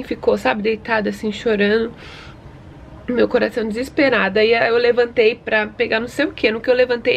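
Young São Paulo woman, casual home vlog, chatty and emotional, slightly gravelly voice. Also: medium pitch, a little hiss or hum. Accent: Brazilian Portuguese, São Paulo. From Brazil. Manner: chatty and emotional, often drops to a soft murmur. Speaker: vlogger. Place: home, indoors.

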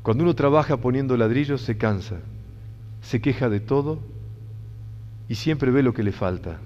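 A man's voice: mid-range voice, moderate pace, a little mellow. A man with a Rioplatense Spanish accent giving an inspirational talk to an audience, earnest and emphatic, repeating key phrases. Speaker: motivational speaker. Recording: dull sound, long hall reverb.

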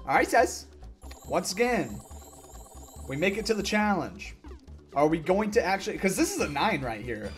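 A young man giving gameplay commentary, ranting and yelling at the game in frustration. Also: high voice. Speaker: gaming YouTuber.

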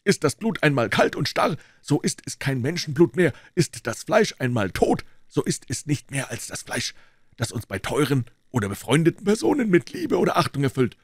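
A man voicing an old male doctor who speaks in a calm, persuasive, clinical way. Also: fairly high pitch, moderate pace, husky, no room sound, studio quality, pitched above the performer's own voice, exaggerated voice.

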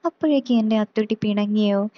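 A woman's voice: mid-range voice, a little fast, no room sound, muffled recording, close to an everyday voice. A woman voicing a middle-aged mother who dotes on her son and teases her daughter. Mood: teasing. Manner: doting, teasing.

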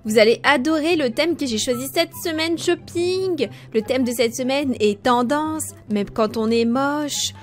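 A high-pitched, gushing female TV fashion-show host, acted out by a woman in a comedy video. The delivery is theatrical and flamboyant, with music underneath. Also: measured pace, hardly any pauses. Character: gushy, flamboyant female TV fashion-contest presenter. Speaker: show presenter.

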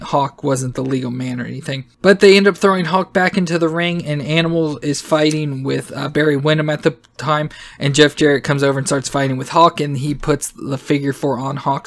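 A man's voice: medium pitch, gravelly. A man hosting a podcast, recapping an old wrestling show in a rambling, casual way with many fillers and self-corrections. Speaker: podcast host.

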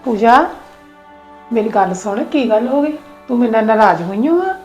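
A coaxing elder daughter-in-law, played by a woman with a fairly high voice. She pleads softly to smooth over a family quarrel. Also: expressive, moderate pace, soft background music, close to an everyday voice. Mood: pleading. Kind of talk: family skit acting.

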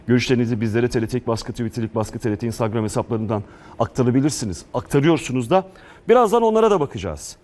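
Guy presenting sports news live, reading out press reports, normal mid pitched voice. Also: animated, very fast, darkish tone.

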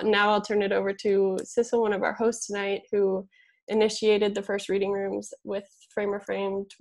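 Young woman organizer, flat slightly raspy delivery, casual fillers, laptop-mic sound. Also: mid-range voice. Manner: casual, hesitant, lots of fillers and small laughs. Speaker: event organizer at an exhibition space. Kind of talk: housekeeping introduction on a video call. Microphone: laptop mic on a video call.

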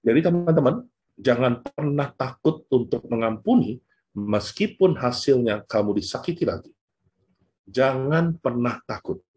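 A man giving a storytelling faith talk to a church youth group, casual and animated, mixing slang into his preaching. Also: medium pitch, a little slow. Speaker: guest speaker at a church youth session.

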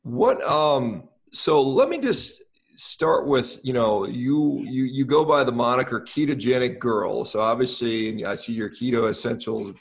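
A middle-aged man co-hosting a podcast, asking questions in a halting way with many repeated words, speaking over a headset on a video call. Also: medium pitch, creaky, breathy edge. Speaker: podcast co-host. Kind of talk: casual interview talk.

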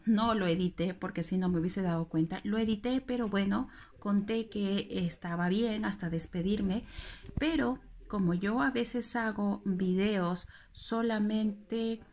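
A woman's voice: mid-range voice, darkish tone. A woman chatting in a home craft vlog, rambling through her explanation and correcting herself as she goes. She laughs at her own mix-ups and keeps her tone casual and conversational. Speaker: craft vlogger.

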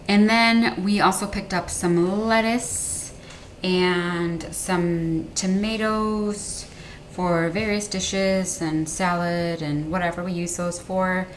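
An American woman vlogs casually from indoors at home, narrating a haul over close-ups in a lowish voice with a little hiss or hum. She speaks conversationally, often repeating and rephrasing herself.

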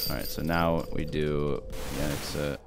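A man's voice: extremely low pitch, level tone, a little slow, vocal fry, a little hiss or hum. A young man giving scared, jumpy horror game commentary as a streamer, exclaiming and muttering to himself. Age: young adult. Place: small indoor room.

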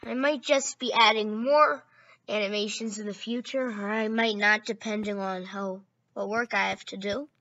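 A woman's voice: medium pitch, fairly even intonation, moderate pace, fairly bright tone, no room sound, dull audio. A woman hosting a gaming video, narrating casually and often correcting herself mid-sentence.

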